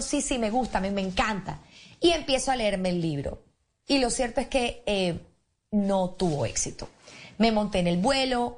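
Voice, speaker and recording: A woman telling a story in a casual chat, animated, acting out quotes and laughing often. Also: mid-range voice.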